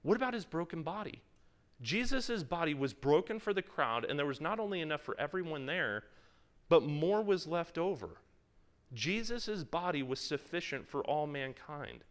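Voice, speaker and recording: A man's voice: on the high side, sing-song, moderate pace. A man leading a Bible study in front of a live group, talking conversationally and quizzing his listeners. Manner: reads scripture aloud with emphasis. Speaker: Bible teacher.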